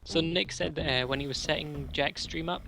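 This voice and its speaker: A man's voice: on the high side, normal speed, vocal fry, music in the background. A man teasing a friend during a game stream in casual banter, with dry swearing remarks. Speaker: guest co-host on a game stream.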